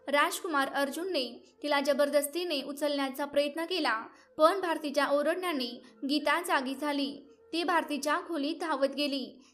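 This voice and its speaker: A woman storyteller narrating a scripted devotional story in a steady, even reading. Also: sits high.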